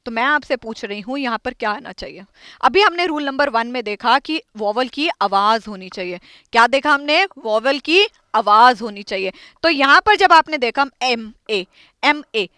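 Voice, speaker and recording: Bright high-voiced woman teaching grammar. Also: animated, moderate pace, clear, resonant tone, dry recording. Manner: quizzing students, repeating and drilling points. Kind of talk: classroom lesson.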